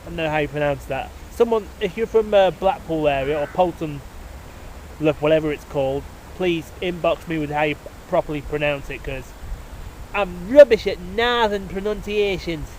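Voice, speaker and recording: A man with a fairly high voice narrates his trip on a railway platform, filling his talk with "uh" and "um". He rambles loosely into a handheld camera. Faint outdoor noise sits under his voice. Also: normal speed, poor audio. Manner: rambling, many fillers, self-deprecating. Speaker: railway enthusiast vlogger. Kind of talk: casual video diary narration.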